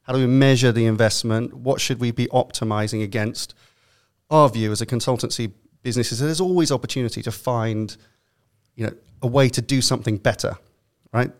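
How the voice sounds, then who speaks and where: A man's voice: mid-range voice, fairly even intonation, brisk. A man with a London accent, a CEO on a podcast panel, talking at length with many fillers and restarts. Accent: London English. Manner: rambling, filler-heavy, self-correcting. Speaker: consultancy CEO, panel guest.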